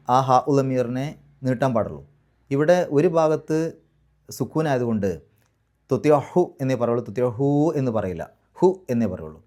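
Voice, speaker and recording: A man's voice: medium pitch, a little mellow. Patient man teaching Quran recitation rules. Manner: patient, slows down to model each recited word. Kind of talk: explaining recitation rules in a class.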